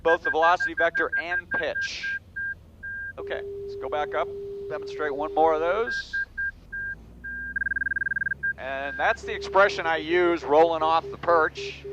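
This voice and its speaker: A man's voice: fairly high pitch, wildly swooping pitch, measured pace, long pauses. Man, pilot's technical commentary, matter-of-fact, clipped procedural callouts, muffled cockpit audio, heavy aircraft noise. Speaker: pilot demonstrating flight maneuvers. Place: small airplane cockpit in flight. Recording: dull audio, loud aircraft cabin noise. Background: engine and cabin drone.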